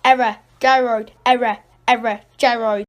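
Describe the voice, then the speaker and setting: A woman's voice: on the high side, steady tone, normal speed, faint music behind, pitched below the performer's own voice, natural voice. A woman voicing a glitching robot that stutters and loops the same words over and over. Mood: malfunctioning. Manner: stuttering, looping repeated words. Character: glitching robot, stuck repeating itself. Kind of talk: playful video commentary.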